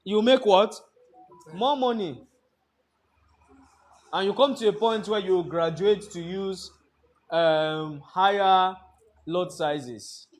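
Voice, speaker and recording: A man with a notably high voice leads a trading lesson in a classroom. He lectures and keeps throwing half-finished questions at the students for them to complete. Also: slow pace, long pauses. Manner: quizzing the class with fill-in-the-blank questions. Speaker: trading instructor.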